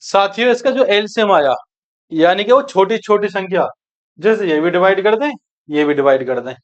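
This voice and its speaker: This exam-prep maths lesson is led by a man whose voice sits high, and he stays animated at a moderate pace. Working each sum out loud, he asks questions and answers them, calling students his friends and brothers. The audio sounds muffled and dull.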